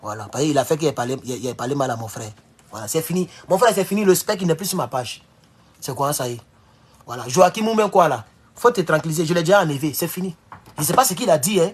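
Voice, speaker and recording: A man talking to viewers in a casual live-stream monologue. He rambles and swings between loud, high outbursts and low mutters. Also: lively intonation, quick pace, breathy edge.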